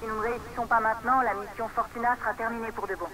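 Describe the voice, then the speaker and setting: An actress voicing a woman at mission ground control, giving crisp, procedural instructions over a radio transmission in a video game. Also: fairly high pitch, fairly even intonation, very fast, noisy background. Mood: urgent, businesslike.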